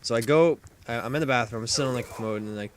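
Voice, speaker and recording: A man's voice: medium pitch, very fast. A man telling a rambling, profane story as casual gameplay commentary, with lots of fillers and restarts. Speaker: gaming commentator. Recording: noisy commentary recording.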